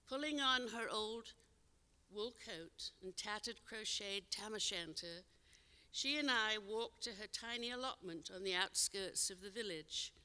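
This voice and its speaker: A woman's voice: mid-range voice, sharp tone. Older woman telling a memoir in a hall. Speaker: storyteller. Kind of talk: told personal memoir on stage. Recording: long hall reverb.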